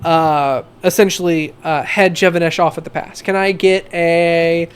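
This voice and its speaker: A man's voice: a little high, steady tone, a little slow, smooth. Hesitant man running a tabletop game. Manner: hesitant, full of fillers. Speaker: game master.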